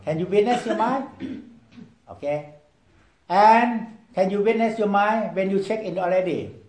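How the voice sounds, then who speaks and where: A man leading a group meditation in broken English, often asking "okay?" and swinging between loud prompts and hushed near-whispers. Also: high voice, unhurried, reverberant, poor audio. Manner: non-native broken English, repeats "okay?". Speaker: meditation teacher. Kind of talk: guided meditation talk.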